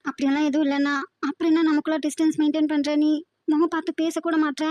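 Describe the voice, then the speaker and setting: Cartoon drama: a woman playing a hurt, devoted young woman, high and flat, pleading, dry close sound. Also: quick pace, dry recording, close to an everyday voice. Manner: pleading, emotional, insistent. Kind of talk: animated drama voice acting.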